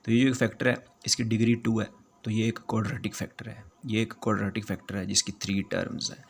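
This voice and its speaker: A man's voice: on the low side, flat delivery, fast talker, vocal fry, slight background noise. A man teaching a math lesson, explaining each step patiently and repeating key points.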